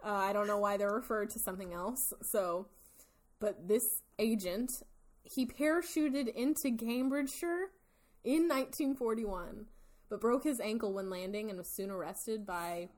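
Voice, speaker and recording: A woman's voice: mid-range voice, normal speed, darkish tone. A woman hosting a casual true-crime show, reading from notes in an informal, giggly way. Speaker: podcast host.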